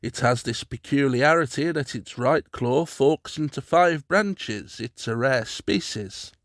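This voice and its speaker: A man voicing an excitable, learned male tutor who scolds in a raised voice. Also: mid-range voice, slow, no room sound, studio quality. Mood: enthusiastic.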